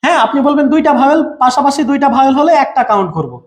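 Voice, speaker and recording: A man's voice: extremely high pitch, expressive, very fast, roomy sound. A man, teaching an exam-prep class online and repeating each point for his students.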